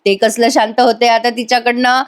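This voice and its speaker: A woman's voice: on the high side, little pitch movement, moderate pace. A woman narrating a voice-over recap of a TV serial in a chatty, giggly storytelling way. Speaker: episode review narrator.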